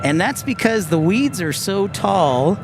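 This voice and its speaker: A man with a slightly raised pitch chats easily on an outdoor live stream, answering viewers' questions as they come in. A faint hum of outdoor ambience sits behind him. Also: a little slow. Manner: relaxed, reads viewer comments aloud. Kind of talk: casual live-stream chat. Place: outdoors by an airport.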